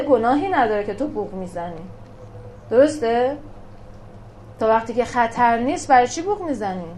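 A woman with a fairly high voice gives a religious lesson to a small class. She talks emphatically, putting questions to her listeners and then answering them herself. A faint noise runs under the recording. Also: poor audio. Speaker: religious teacher.

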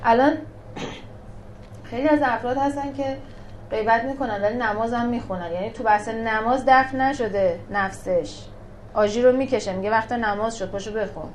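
A woman with a fairly high voice gives a religious lesson to a small class. She talks emphatically, putting questions to her listeners and then answering them herself. A faint noise runs under the recording. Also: poor audio. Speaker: religious teacher.

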